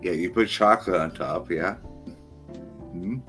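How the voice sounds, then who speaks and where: Male co-host, deep and lively, quick interjections, faint music behind. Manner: brief agreeing interjections. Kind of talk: casual livestream chat.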